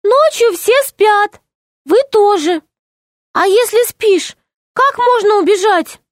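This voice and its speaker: A woman voicing a small, excitable male gnome who squeaks and exclaims. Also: slow, dry recording, clean studio sound. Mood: cheerful.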